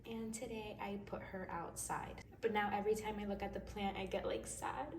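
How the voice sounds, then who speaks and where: A tarot reader hosting a reading speaks at normal speed in a medium-pitched, level voice, casual, chatty and reassuring. Her nose is slightly stuffy from crying, and the distant mic adds roomy echo and faint noise.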